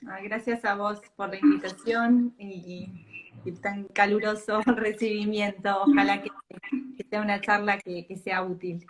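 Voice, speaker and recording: A middle-aged woman from Argentina speaks with an Argentine Spanish accent, voice of middling pitch. She talks reflectively, pausing and restarting her phrases as a guest in a live-stream interview over a video call. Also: steady tone, a little hiss or hum. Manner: reflective, hesitant, many restarts. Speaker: guest author and mother.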